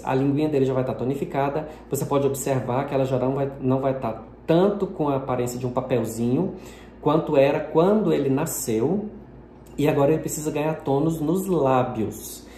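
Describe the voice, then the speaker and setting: Man, from brazil, teacher explaining patiently, dark warm tone, echoey room. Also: mid-range voice. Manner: patient, explanatory, uses many diminutives. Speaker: linguistics teacher. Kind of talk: explanatory video lesson. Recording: echoey room with faint noise.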